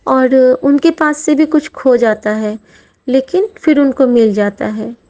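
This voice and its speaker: Woman, middle-aged, heartfelt devotional testimony, highish mellow voice, kinda muffled lo-fi audio. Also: a little slow. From Mithila region, India. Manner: heartfelt, often addresses listeners as sangat ji.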